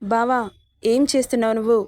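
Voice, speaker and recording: A woman's voice: on the high side, little pitch movement, brisk, a little mellow, dry recording, studio quality, close to an everyday voice. A woman reading a betrayed, outraged young woman. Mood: distressed.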